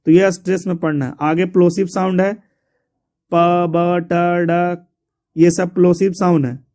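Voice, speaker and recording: A man's voice: sits high, mellow. A man teaching an exam syllabus, repeating points and spelling words out letter by letter. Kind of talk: explaining a syllabus to students.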